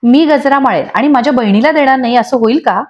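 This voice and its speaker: A woman's voice: high voice, fast talker, natural voice. A woman voicing an affectionate, coaxing young woman who dotes on her younger sister, on slightly dull lo-fi audio. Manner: warm, coaxing.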